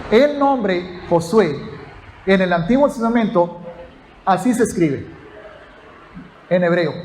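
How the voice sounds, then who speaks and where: A pastor teaches a sermon, explaining things step by step and checking in with his listeners by asking "ok?" and calling them brothers. His voice sits high, with a little hiss or hum.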